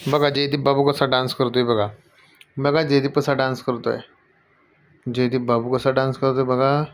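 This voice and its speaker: This is a casual chat from a family vlogger at home, speaking directly to the audience while gently coaxing a little child through the same questions again and again. Delivery is flat, with a medium pitch and moderate pace.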